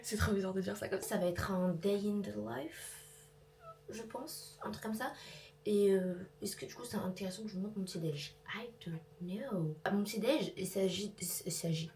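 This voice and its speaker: A woman's voice: mid-range voice, moderate pace, darkish tone, a little hiss or hum. A woman in her twenties chatting casually in a home vlog, rambling and mixing in English words. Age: 20s. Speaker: vlogger.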